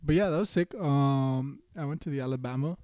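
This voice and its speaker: Laid-back young man, mellow voice. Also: mid-range voice, fairly quick. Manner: laid-back, lots of "yeah" and "like". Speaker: podcast co-host. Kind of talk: casual chat.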